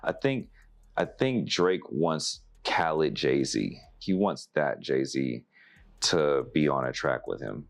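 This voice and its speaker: Very low-voiced male album reviewer, casual and rambling. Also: slow pace, gravelly. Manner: rambling, laughing, animated voices when quoting. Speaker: music reviewer.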